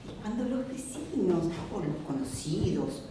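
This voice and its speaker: Una actriz da vida a una esposa argentina de mediana edad, recatada y devota, que habla con una entonación muy viva y sube y baja la voz para remarcar. La voz llega desde lejos en un teatro con mucho eco. Se oye música de fondo. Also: female voice, measured pace, recorded from a distance, noisy background. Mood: prim. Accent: Argentine Spanish. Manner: expressive, mimics sounds and shifts pitch for emphasis. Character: Olga, a prim middle-aged wife devoted to her husband. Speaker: stage actress in a one-woman play. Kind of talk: theatrical monologue. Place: theatre stage.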